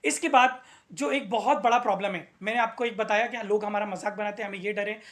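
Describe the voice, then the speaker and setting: A man's voice: high-pitched, steady tone, brisk, fairly bright tone. A male English teacher giving a motivational video lesson, earnest, repeating his key points and asking rhetorical questions.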